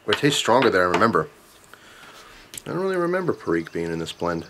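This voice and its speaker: A man in his thirties giving a casual, chatty product review in a halting, thoughtful way, pausing between short phrases. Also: sits low, very animated, noisy background. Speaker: pipe tobacco reviewer.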